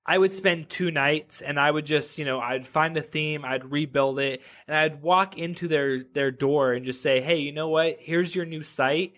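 A man in his thirties chatting as a podcast guest over a video call. His voice sits a touch high, and he rambles in a loose, easygoing way, peppering his talk with "like" and "right?". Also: moderate pace, hardly any pauses, fairly bright tone. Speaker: podcast guest, web developer. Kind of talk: casual interview chat.

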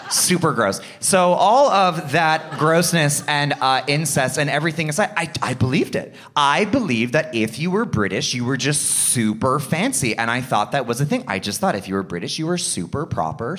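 A Canadian man in his thirties performs stand-up on a live comedy stage. His pitch swings widely as he slips in and out of mock voices. He laughs often through his lines. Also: fairly bright tone.

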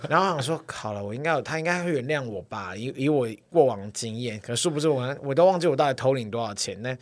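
Quick, animated man telling a story. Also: medium pitch. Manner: animated storytelling, acts out quoted lines, laughs often. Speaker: podcast co-host. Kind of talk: casual chat.

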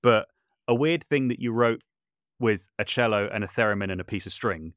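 His voice is on the low side and a bit bright, at normal speed, recorded in studio quality with no echo. The man, an audio drama maker and composer guesting on a podcast, speaks in a reflective, thoughtful way, often hedging or correcting himself mid-thought.

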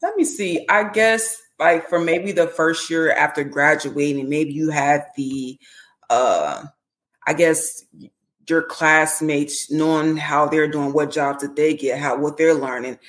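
A nurse educator in her thirties, guesting on a podcast, speaks in a low voice at a slow pace. She talks candidly and earnestly in a casual interview chat, often saying "you know." She grows emotional when recalling the support she received.

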